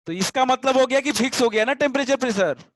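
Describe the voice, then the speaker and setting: A man teaching a chemistry class with a fairly high voice. He is patient, often stops to ask whether the students follow, and stretches English terms out slowly. The sound is close and dry, with no room echo. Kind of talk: classroom lecture.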